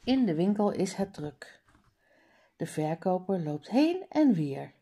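A woman reads a children's storybook aloud, slowly and clearly. Her voice moves lively up and down as she reads. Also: fairly low pitch. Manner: clear, deliberate storybook reading. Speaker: reader. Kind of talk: reading a children's book aloud.

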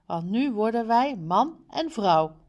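A woman's voice: on the high side, animated, darkish tone. Storybook princess, read by a woman. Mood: pretending. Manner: slow, plainly read dialogue. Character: young princess, firm and clever.

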